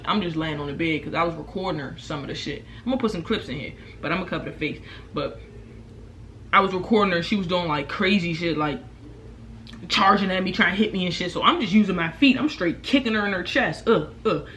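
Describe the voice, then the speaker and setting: A young woman vlogger telling a story casually while eating, animated and profane, acting out what each person said. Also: on the low side, slight background noise. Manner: animated, profane, acts out quotes.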